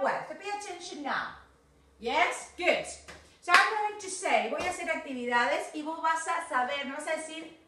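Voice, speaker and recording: A woman English teacher with a Rioplatense Spanish accent, giving a video class to children, mixing Spanish and English and drilling slow, encouraging repetitions. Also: high-pitched, bright, forceful tone, recorded from a distance. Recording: echoey room, voice off-mic.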